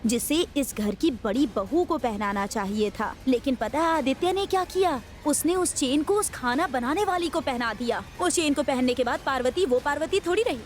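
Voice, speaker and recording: A scheming, gossipy aunt. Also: female voice, sits high, expressive, normal speed, few pauses, faint music behind. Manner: sly, gossiping, contemptuous. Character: scheming middle-aged aunt of a wealthy household. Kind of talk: TV serial dub acting.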